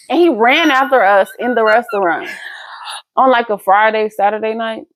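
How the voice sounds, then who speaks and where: A woman co-hosting a podcast, telling stories in casual chat with animated, emphatic delivery. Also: on the high side, heavy background noise. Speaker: podcast co-host.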